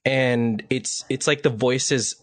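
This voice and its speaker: Halting, word-searching male co-host. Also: medium pitch, fairly even intonation, a bit bright, no room sound. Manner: halting, searching for words, lots of fillers. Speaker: podcast co-host. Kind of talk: casual podcast chat.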